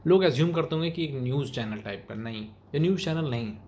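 Speaking fast with lively intonation, this young Indian-accented channel host offers forceful, casual commentary to camera. His mid-range voice has a darkish tone. He's in a small, plain indoor room, and the audio is clearly noisy.

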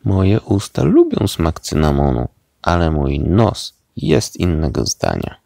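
A man reading a storybook aloud and voicing an excitable, cowardly young man who loves snacks, with yelping exclamations. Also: low-pitched, takes it slowly, vocal fry, no room sound, studio quality, heavily acted. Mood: cheerful.

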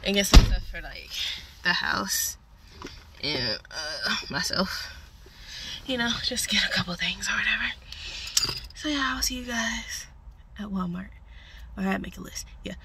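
A woman's voice: medium pitch, animated, a little slow, pauses often, a loud crowd. A young woman vlogging casually about her day, in chatty, slangy talk with casual swearing, recorded on a phone camera. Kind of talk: casual vlog chat. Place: home and car.

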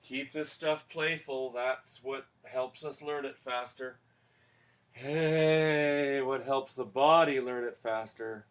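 Slow, calm male yoga voice teacher. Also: medium pitch. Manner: calm, unhurried instructing with pauses. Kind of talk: guided yoga class instruction.

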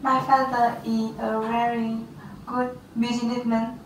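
A teenage girl with a Vietnamese accent taking an English speaking test, halting and hesitant with restarts. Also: a little high, flat delivery, slight background noise. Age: teens. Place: small classroom office, indoors. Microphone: far camera. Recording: roomy, distant camera sound.

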